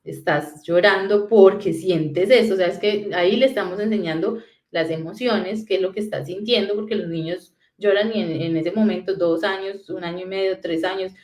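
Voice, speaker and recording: A woman's voice: medium pitch, fairly even intonation, brisk, few pauses. Patient woman explaining, in a roomy echo. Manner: explains patiently, acts out gentle lines to a child, often checks with "¿sí?". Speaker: parenting talk guest. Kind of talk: conversational talk on parenting.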